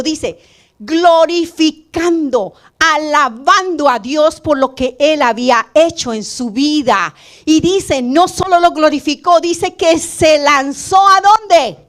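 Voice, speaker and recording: High-voiced woman preaching with call-and-response. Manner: animated call-and-response preaching, asks the congregation questions; cries out loudly when quoting pleas. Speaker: pastor. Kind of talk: sermon. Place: church service with congregation.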